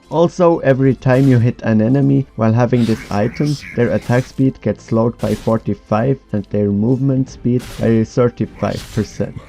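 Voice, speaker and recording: A man's voice: medium pitch, creaky, dark tone. A man reading scripted explainer narration for a gaming documentary. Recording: dull lo-fi mic, faint music. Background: faint music.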